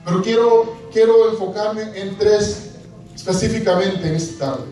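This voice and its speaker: Spanish-speaking preacher in an echoey hall. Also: male voice, high voice, a little slow, mellow, soft background music. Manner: asks the congregation questions, dramatizes scripture. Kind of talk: sermon. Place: church hall. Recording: echoey church hall from far off.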